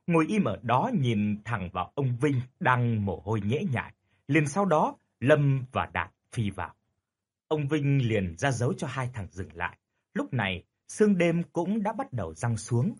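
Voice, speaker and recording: Husky, lively male horror storyteller. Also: medium pitch. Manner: dramatic, expressive narration.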